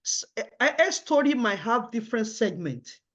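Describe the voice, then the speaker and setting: A woman's voice: fairly high pitch, very animated, moderate pace. A woman giving formal job interview answers in a hesitant way, repeating and restarting her words. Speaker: job candidate in a mock interview. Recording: dull, lo-fi audio.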